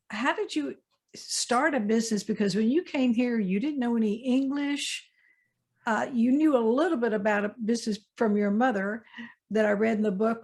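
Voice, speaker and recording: A woman's voice: on the high side, darkish tone, husky. A woman who hosts an interview show, reading a scripted introduction and then asking her guest questions. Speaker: host. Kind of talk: interview hosting.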